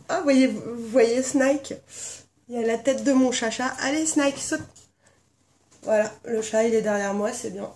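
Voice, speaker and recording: Woman vlogger, hoarse from a sore throat, slightly high voice, frank and rambling. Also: darkish tone. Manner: blunt and frank, rambling with many fillers. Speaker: vlogger, founder of a paranormal blog team. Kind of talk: casual chat answering a tag. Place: at home with her cat nearby.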